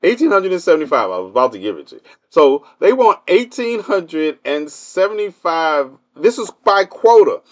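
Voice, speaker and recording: Sarcastic man ranting on a livestream. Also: fairly high pitch. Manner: sarcastic, rhetorical questions to the audience; hums a tune while waiting. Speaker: livestream host. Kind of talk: casual political commentary monologue.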